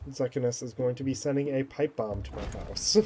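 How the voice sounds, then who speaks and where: A man's voice: medium pitch, darkish tone, slight background noise. A man casually chatting on a game livestream, thinking aloud and laughing often. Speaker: game streamer.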